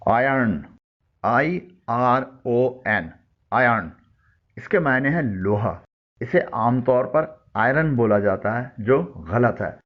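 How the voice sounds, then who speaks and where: A man narrates a pronunciation lesson in a measured, scripted voice-over. He spells each word slowly letter by letter, then says it clearly. His voice sits at an ordinary middle pitch, and the recording is slightly dull and lo-fi. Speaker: pronunciation teacher.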